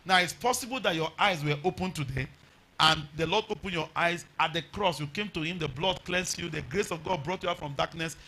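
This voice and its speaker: A man's voice: on the high side, a little fast, pushed and bright, low-quality recording. A man with a Nigerian accent preaching a revival sermon, exhorting emphatically with repeated phrases and rhetorical questions.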